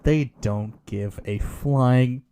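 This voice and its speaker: A man's voice: mid-range voice, very slow, warm tone, smooth. A tipsy man giving casual, blunt, profane and rambling commentary as host of a comedic review. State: tipsy, drinking.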